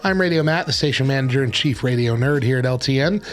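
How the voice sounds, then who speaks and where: A man with a gravelly, hoarse whiskey voice, recovering from bronchitis, chatting casually as the host of a morning radio show. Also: medium pitch, fast.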